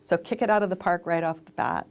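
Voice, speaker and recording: A woman voice actor and casting director giving lively, emphatic advice in a conversational interview. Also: lowish voice, quick pace, a little hiss or hum.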